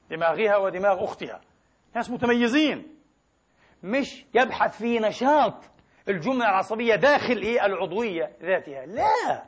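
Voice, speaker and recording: Man, preacher, high voice, husky, animated religious lecture. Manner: animated, mixes formal and colloquial speech.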